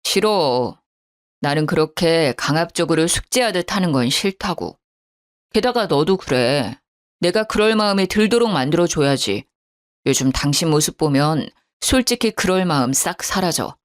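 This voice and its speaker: A woman doing a sulky husband in a storybook drama, voice dropped a bit lower, cold and flat, brushing his wife off with short answers, never raising it. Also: moderate pace. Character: sulking husband, cold and dismissive.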